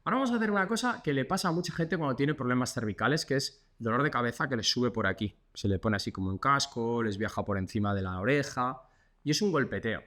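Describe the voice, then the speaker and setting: A man's voice: medium pitch, animated, fast talker, a bit bright. A man with a Spanish accent from Spain, working as a physiotherapist, demonstrating exercises in a chatty, instructive way and counting the repetitions aloud.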